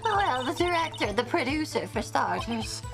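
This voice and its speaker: A woman plays a gossipy old woman on the witness stand, pushy and full of herself. The voice is strained and scratchy, pitched high with big sing-song swoops. Game music plays underneath. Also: very animated, moderate pace, creaky, full character voice. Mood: chatty. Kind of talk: reading a visual novel aloud.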